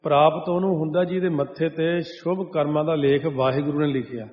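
Guy preaching, chants the verses slow then explains them, kinda high voice, big echoey hall, muffled old recording. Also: fairly even intonation. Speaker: scripture preacher. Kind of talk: chanted scripture with spoken sermon commentary. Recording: echoey hall, dull lo-fi sound.

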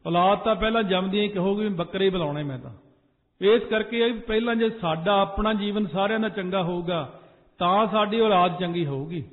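A man's voice: sits high, a little fast. A man preaching a Sikh sermon to a congregation, telling stories and sometimes chanting phrases. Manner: storytelling, exhorting the congregation. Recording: phone-like echoey hall recording.

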